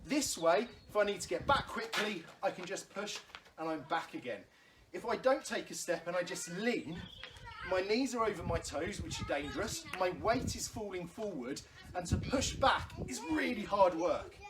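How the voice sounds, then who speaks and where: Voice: medium pitch, animated, normal speed. A stage combat teacher runs a solo footwork class from a room at home, talking to a camera set in front of them. The delivery is patient and reassuring, breaking each move into small steps and calling out drills in a mid-range voice, with faint noise in the background. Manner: patient, reassuring, explains step by step with light laughs. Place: room at home during lockdown. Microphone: camera in front of a standing speaker.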